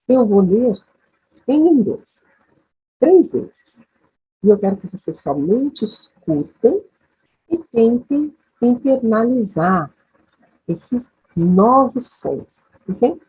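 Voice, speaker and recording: A woman's voice: a little high, big pitch swings, extremely slow, long pauses, warm tone, husky, low-quality recording. A woman teaching an English lesson, patient and repetitive, checking in with her students after each step. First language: Portuguese. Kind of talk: slow, patient classroom lesson.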